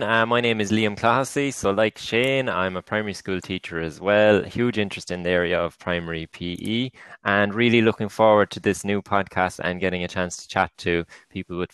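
A man's voice: low-pitched, fairly bright tone, clear, resonant tone, dry recording. A man with an Irish accent introducing a podcast and its guest as co-host. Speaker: podcast co-host, primary school teacher.

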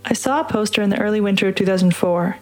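A woman reading a narrative piece aloud and introducing the program in a measured, deliberate way. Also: mid-range voice. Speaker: podcast host and reader. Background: music underneath.

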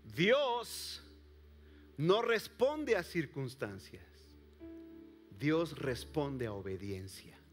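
Impassioned pastor, loud then whispering. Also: male voice, a little high, big pitch swings, extremely slow, pauses often, faint music behind. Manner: preaching with big swings from loud calls to hushed near-whispers; addresses the congregation directly with questions. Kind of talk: sermon. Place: church service before a congregation.

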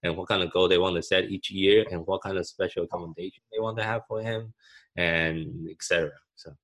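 Deep-voiced Taiwanese man, halting speech. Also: fairly even intonation, a bit bright. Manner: halting, frequent restarts and fillers. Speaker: guest, parent. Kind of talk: casual interview answers.

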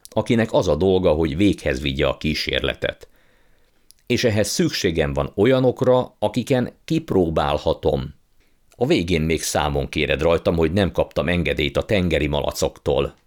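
A man's voice: rumbling low, expressive. A man voicing a pompous, blustering old uncle who calls himself a scientist and magician. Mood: outraged. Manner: blustering, condescending, impatient.

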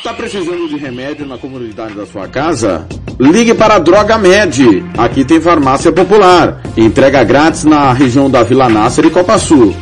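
A man's voice: mid-range voice, expressive, normal speed. A Brazilian man reading a local radio advertisement as an announcer. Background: clear music bed.

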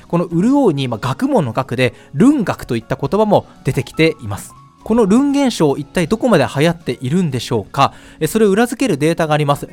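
A man talks through the news in a relaxed, chatty explainer, leaning on fillers as he goes. His voice sits a little high and moves in a very animated way. Faint music plays underneath. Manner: lively, conversational with many fillers. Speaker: news commentator.

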